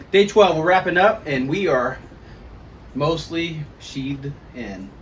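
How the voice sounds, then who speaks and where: A man's voice: a little high, animated, slow pace, a bit bright, low-quality recording. A man co-hosting a construction vlog, joking around in casual banter. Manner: playful, joking. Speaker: co-host on the build crew. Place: outdoor building site. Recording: a bit off-mic, faint site noise.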